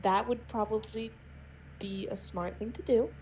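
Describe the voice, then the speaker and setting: A woman's voice: medium pitch, steady tone, a little slow, dark tone, slight background noise, low-quality recording. A woman chatting casually as a player in an online game voice chat.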